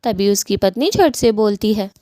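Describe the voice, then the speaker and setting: A woman narrating a cartoon story in a plain, steady storytelling manner. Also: medium pitch, normal speed, dry recording, clean studio sound.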